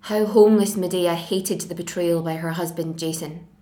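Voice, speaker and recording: Woman, 21, Glasgow accent, lowish voice, careful reading-aloud delivery. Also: fairly even intonation, moderate pace, dark tone. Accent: Glasgow Scottish. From Scotland. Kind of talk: reading a passage aloud, then casual self-introduction.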